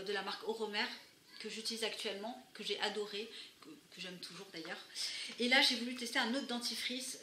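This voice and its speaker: A woman's voice: a little high, sharp tone, slight background noise. A woman vlogger casually reviewing her product haul, hesitating with many fillers but enthusiastic. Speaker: beauty vlogger. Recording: echoey room.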